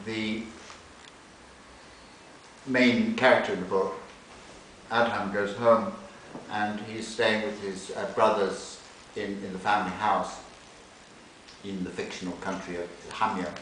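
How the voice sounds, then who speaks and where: Speaking slowly with long pauses, a man with a lowish, slightly bright voice and little pitch movement introduces a novel extract and reads it to a live audience. He's a literary translator in an indoor library event room, captured by a far-off recorder that leaves the audio echoey and hissy.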